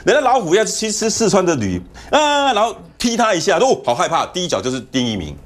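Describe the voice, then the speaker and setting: A man's voice: high voice, fast talker. A man with a Taiwanese Mandarin accent giving heated political commentary as a talk show guest in a TV studio, telling stories and mimicking others. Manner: animated, storytelling, mimics others.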